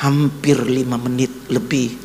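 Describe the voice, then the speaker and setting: A man's voice: flat delivery, measured pace, creaky, darkish tone, in a large hall, a little hiss or hum. A man preaching a sermon with a personal testimony, speaking emotionally and addressing the listeners directly. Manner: emotional, voice rising to high cries when quoting his son. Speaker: pastor.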